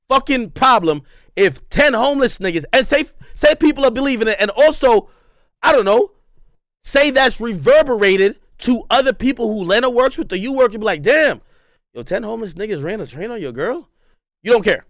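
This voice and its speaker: A young man arguing heatedly in a podcast confrontation, animated and interrupting, repeating himself. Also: extremely high pitch, moderate pace, no echo. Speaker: streamer confronting a podcast host. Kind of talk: heated argument.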